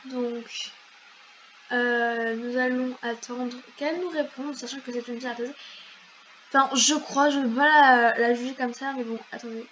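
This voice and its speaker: A woman's voice: a little high, fairly even intonation, moderate pace, fairly bright tone, a little hiss or hum. A woman chatting casually over her gameplay as a YouTuber, in a slangy way full of fillers. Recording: slightly dull lo-fi mic.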